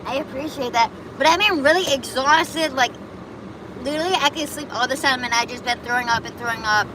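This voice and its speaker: This livestream host, a chatty woman from Buffalo, New York, streams with traffic around her. Her voice is high and brisk, and she rambles while responding to comments and answering viewers in casual live chat.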